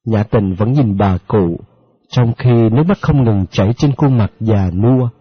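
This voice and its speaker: A man narrating an audiobook in a steady, measured way. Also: on the low side, slightly rough. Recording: dry, dull lo-fi audio with faint music.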